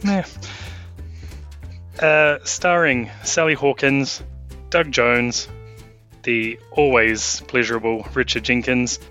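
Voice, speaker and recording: A man's voice: mid-range voice, steady tone, slow pace, pauses often, pushed and bright, muffled recording, faint music behind. A man hosting a casual film podcast, upbeat as he reads out film stats and facts. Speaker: podcast host.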